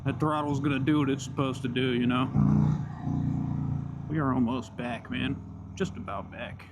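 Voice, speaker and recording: Male motovlogger, casual and slangy, mid-pitched, talking mid-ride under very loud engine and road noise. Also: steady tone, moderate pace. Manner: laid-back slangy enthusiasm; talking while riding a motorcycle. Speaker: motorcycle vlogger. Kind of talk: casual riding commentary. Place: outdoors on a moving motorcycle.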